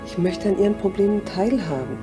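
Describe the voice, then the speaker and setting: A woman's voice: medium pitch, a little fast, recorded from a distance, natural voice. A middle-aged woman playing a homely, caring mother in a TV drama, talking in an everyday way. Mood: worried, weary. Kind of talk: TV drama acting. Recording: echoey room, music, clinking dishes.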